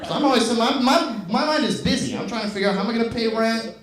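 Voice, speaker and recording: A man in his twenties performing a stand-up set in a comedy club, with a deadpan, self-mocking delivery that breaks into shouted bursts. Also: extremely high pitch, quick pace. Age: 20s. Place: comedy club with a laughing audience. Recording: echoey club with crowd laughter.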